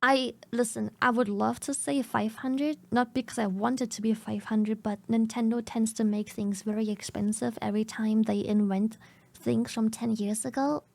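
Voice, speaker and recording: A woman's voice: fairly high pitch, fairly even intonation, normal speed, gravelly, a little mellow, no echo. A young woman streaming a casual reaction, talking bluntly and chattily in her groggy morning voice.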